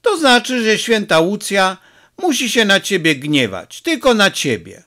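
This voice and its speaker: A man's voice: high voice, very animated, unhurried, sharp tone, pitched above the performer's own voice, heavily acted. A man voicing an angry, short-tempered village father who scolds his son, in an audiobook reading. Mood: calm, crafty. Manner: scolding, exasperated.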